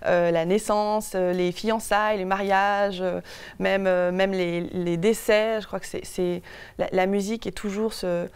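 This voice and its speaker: A woman's voice: medium pitch, little pitch movement, measured pace, a little mellow, clean tone. A young woman from France, a guest in a TV studio interview, speaking thoughtfully with many hesitations and restarts on a lapel mic. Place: TV studio set.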